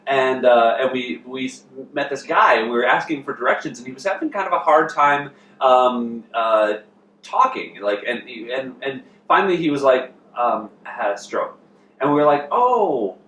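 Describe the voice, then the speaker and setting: A man's voice: mid-range voice, lively intonation, moderate pace, pushed and bright. A man co-hosting a podcast, telling rambling jokey stories with lots of fillers. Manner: rambling, joking storyteller with many fillers. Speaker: podcast co-host. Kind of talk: casual chat. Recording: echoey room, distant mic, faint hiss.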